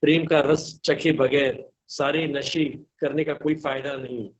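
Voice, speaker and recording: A man's voice: on the high side, steady tone, measured pace, slight background noise. A man on an online call carefully reading a passage and its meaning aloud, his voice cutting in and out. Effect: voice breaking up over a bad call line. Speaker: discussion group member. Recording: dull lo-fi call audio.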